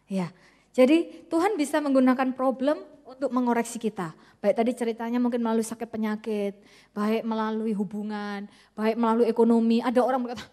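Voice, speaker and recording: A woman's voice: fairly high pitch, in a large hall. A middle-aged woman pastor, preaching a church sermon and acting out the voices of people in her stories. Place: church worship hall.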